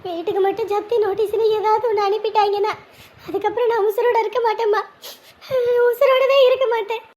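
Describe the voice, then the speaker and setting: A scolding, weary mother in a family drama, played by a woman. Her voice sits very high and she talks sternly. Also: steady tone, brisk, darkish tone. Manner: scolding, then soothing. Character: weary mother lecturing her indebted grown daughter. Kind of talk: family web drama acting.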